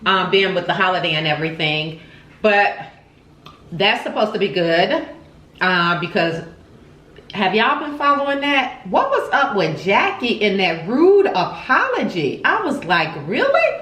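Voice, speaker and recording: A woman vlog host chats expressively through a casual mukbang, chewing and eating her food while talking and repeating words for emphasis. Her voice is medium-pitched, very animated, a little slow and fairly bright, in a roomy, echoey home recording.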